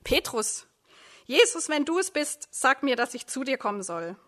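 A woman's voice: high voice, sing-song, normal speed, a bit bright. A woman voicing the impulsive disciple Peter as she reads a Bible passage aloud, calling out urgently. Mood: eager.

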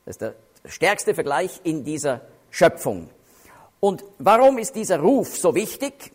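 A man teaching through Bible passages in a sermon style, emphatic and expressive, shifting his pace and loudness to stress points. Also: on the high side, a little slow, slightly rough.

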